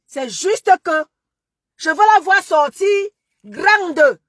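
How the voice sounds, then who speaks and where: A woman's voice: very high-pitched, animated, slow pace, a bit bright, no echo, studio quality. A Cameroonian woman with a Cameroonian French accent, delivering a scolding monologue to her online followers and repeating her warnings again and again. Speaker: social media commentator.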